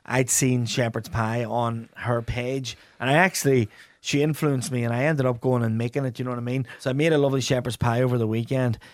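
A man's voice: medium pitch, steady tone, a little fast, no room sound. A middle-aged man with a Donegal accent, chatting casually as a podcast co-host with a wry, slangy, teasing manner. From Donegal, Ireland. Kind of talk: casual banter.

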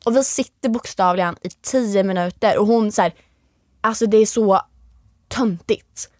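A young woman, a former reality show contestant appearing as an interview guest, tells a story with plenty of energy, acting out the lines other people said. Her mid-range voice is captured in clean studio quality with no echo.

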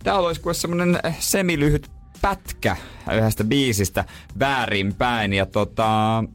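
A man's voice: medium pitch, faint music behind. A male radio morning show co-host chatting casually and running a call-in quiz with short, upbeat reactions.

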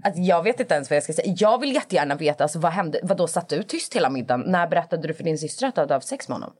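A woman's voice: deep voice, animated, darkish tone, husky. A woman co-hosting a podcast studio chat, blunt and exclamatory, with casual swearing. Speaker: podcast co-host.

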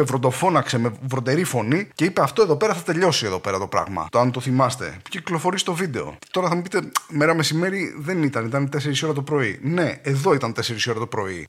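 Satire host: husky-voiced man, dry ironic monologue, talks straight to the audience. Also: a little high. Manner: deadpan irony, addresses the audience as "guys". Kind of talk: sarcastic political satire monologue.

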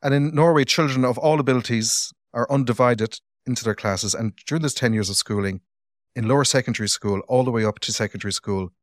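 An Irish podcast host runs a casual interview, chatty and playful and slipping in teasing asides. His medium-pitched voice is fast, captured on a close mic with no echo.

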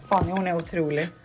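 A woman hosting a casual chat, telling animated stories and acting out quotes. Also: fairly low pitch. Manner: animated storytelling, acts out quotes. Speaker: podcast host.

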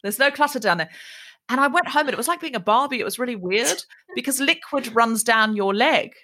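A woman raised in Australia, a guest telling animated stories in conversation. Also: a little high, fairly quick. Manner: animated, lively anecdotes. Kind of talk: conversational storytelling.

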